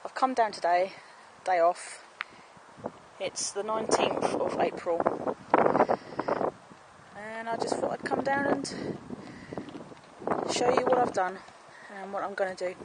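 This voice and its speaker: Walking her allotment garden with a handheld camera, a woman off screen chats and explains in a casual, homely way. She speaks in a mid-range voice, unhurried and pausing often. The outdoor camera recording includes clear background noise.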